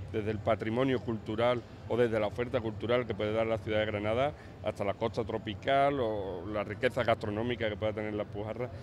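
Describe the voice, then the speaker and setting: A man's voice: medium pitch, a little hiss or hum. A middle-aged man, a tourism official, giving a hesitant press interview with many fillers into handheld mics at a busy indoor trade fair. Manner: hesitant, restarts often, fillers like "bueno, pues". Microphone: handheld press mics held close.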